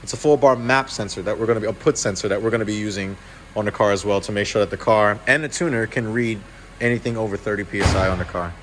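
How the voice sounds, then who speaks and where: In an indoor auto repair shop, a man in his thirties hosts a car channel vlog, talking fast in a lowish voice. He's casual and keeps restarting and correcting himself mid-sentence, with a slight hiss or hum in the audio.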